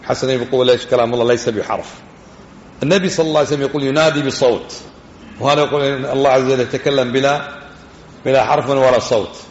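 A man giving a religious lesson, talking quickly and conversationally and putting questions to his listeners. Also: mid-range voice, fairly even intonation, slight background noise. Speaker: religious teacher. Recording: dull, echoey hall.

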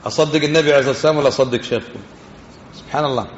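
A man giving a religious lesson, talking quickly and conversationally and putting questions to his listeners. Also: on the high side, steady tone, a little hiss or hum. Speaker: religious teacher. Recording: dull, echoey hall.

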